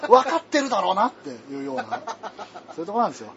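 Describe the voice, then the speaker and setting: A man's voice: very high-pitched, quick pace, gravelly, dull audio, slight background noise. A man co-hosting a casual comedic chat, talking animatedly and slipping into impressions of people as he tells stories. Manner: animated, mimics people mid-story, laughs often. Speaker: podcast co-host.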